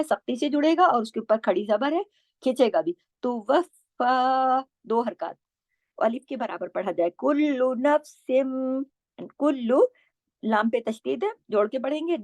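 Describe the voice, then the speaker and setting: A woman teacher explaining recitation rules, modelling each word aloud between quick explanations. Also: a little high, a little mellow, no room sound.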